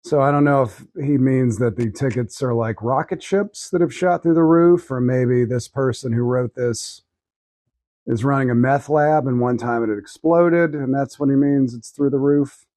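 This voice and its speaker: Man chatting casually, halting and sardonic, dry sound. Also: mid-range voice, mellow, dry recording. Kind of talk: casual chat.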